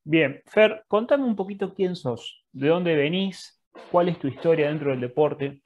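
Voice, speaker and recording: A man's voice: a little high, expressive, a little slow, narrow, tinny audio. A man in his thirties with a Rioplatense Spanish accent, casually hosting an interview over a video call. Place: indoor room, video call. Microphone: wired earphones on a video call.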